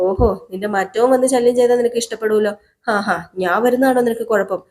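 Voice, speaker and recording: A woman's voice: a little high, fairly even intonation, quick pace, natural voice. A woman voicing an angry grown man, a father who insistently demands to see his daughter, in a serial recap. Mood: demanding. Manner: shouting, insistent, repeating demands.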